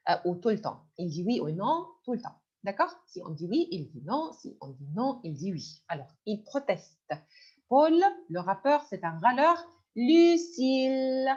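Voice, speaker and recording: A woman's voice: mid-range voice, darkish tone, breathy edge. A woman teaching a French class, patient and repetitive, explaining words and often switching into English. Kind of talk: online class lesson. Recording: dull lo-fi sound.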